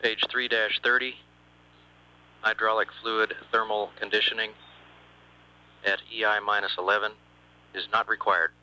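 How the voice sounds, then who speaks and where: Man, radio controller, very forceful bright tone, lowish pitch, clipped, light hum. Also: flat delivery, unhurried, long pauses, rough recording. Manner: clipped, businesslike. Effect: radio transmission. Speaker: capsule communicator at mission control. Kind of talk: procedural radio calls. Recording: faint radio hum and hiss.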